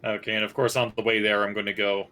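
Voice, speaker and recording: A man's voice: on the low side, little pitch movement, fast talker, bright, forceful tone. A man playing a tabletop role-playing game, talking casually and bluntly in and out of character. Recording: music under the voice.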